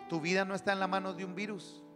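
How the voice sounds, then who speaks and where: A man's voice: high-pitched, little pitch movement, fast talker. A man preaching an emphatic sermon as pastor, calling on the congregation to answer. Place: church hall. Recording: live church sermon in reverberant hall with music.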